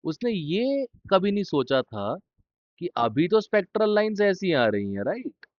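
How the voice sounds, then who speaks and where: A man's voice: high-pitched, sing-song, unhurried, lo-fi sound. A man teaching chemistry in an informal exam-revision lesson. He talks straight to students, repeats key terms and drops blunt, joking asides.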